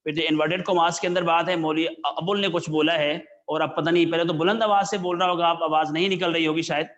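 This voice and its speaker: A man's voice: on the high side, fairly even intonation, fairly bright tone, dull audio. Man teaching English phrase by phrase. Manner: reads an English phrase slowly, then explains it in Urdu. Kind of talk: line-by-line textbook lesson.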